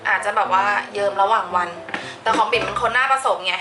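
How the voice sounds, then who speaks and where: A woman's voice: medium pitch, fairly even intonation, fast, over music. A woman beauty vlogger chatting playfully through a makeup tutorial, dropping English product terms into her talk. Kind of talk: casual makeup tutorial chat.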